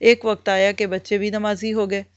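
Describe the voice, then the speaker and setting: A woman lectures on Islam with a medium-pitched voice, flat delivery, and moderate pace, laying out ideas step by step and raising rhetorical questions that she then answers. The audio is dry, muffled, and lo-fi.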